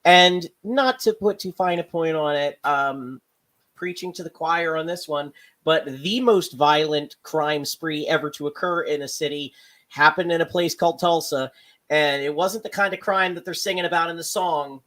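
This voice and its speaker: A podcast co-host with a mid-pitched voice talks in a wry, loose, rambling way. The chat is casual and opinionated, with plenty of profanity thrown in. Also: normal speed, fairly bright tone.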